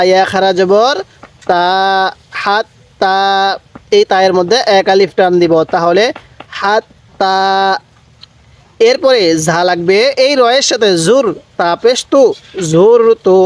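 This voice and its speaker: A man from Bangladesh, teaching Quran recitation step by step, drawing out each syllable slowly and then explaining briskly. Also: high-pitched. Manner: slow drawn-out recitation between brisk explanations.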